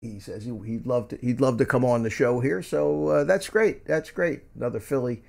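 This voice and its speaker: A creaky, medium-pitched male voice at normal speed belongs to this Philadelphia livestream host in his seventies. During his laid-back morning stream he reads viewer chat aloud and answers it, rambling with frequent ums and restarts.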